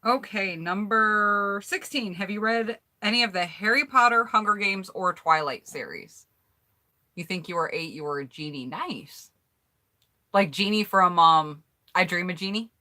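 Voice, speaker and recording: With a mid-range, bright, forceful voice at a measured pace, an American woman talks casually into a home mic. She's a YouTuber hosting a collab tag, reading viewers' answers aloud in a cheerful, rambling manner.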